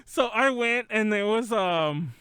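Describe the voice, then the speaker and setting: A man's voice: high voice, animated, takes it slowly, a bit bright, clean tone, no room sound. A man hosting a casual podcast chat in a rambling way, often correcting himself. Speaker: podcast host.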